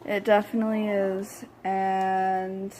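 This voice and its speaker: Female vlog host, unhurried and teasing, very slow talker, faint room noise. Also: medium pitch, flat delivery, a little mellow. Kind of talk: casual chat. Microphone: camera.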